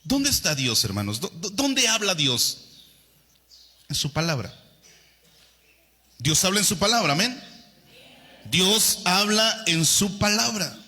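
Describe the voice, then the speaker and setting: A pastor preaches in a bright, slightly high voice that leaps up and down in pitch. He takes his time, pressing each point slowly and swinging between hushed and loud. The sound rings with the long reverb of a church hall. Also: big pitch swings. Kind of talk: sermon.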